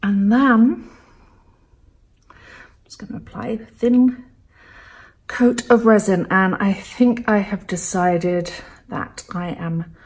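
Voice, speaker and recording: A woman's voice: mid-range voice, a little mellow, rough recording. A woman casually narrating a painting project step by step, thinking aloud as she works. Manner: chatty, thinking aloud while working, slow-paced. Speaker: art vlogger.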